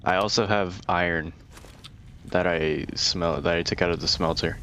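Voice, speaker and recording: A man's voice: deep voice, fairly even intonation, moderate pace, pushed and bright, slight background noise. A man playing a game with a friend, chatting casually in a laid-back, joking, complaining way. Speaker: co-player. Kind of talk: casual chat while gaming.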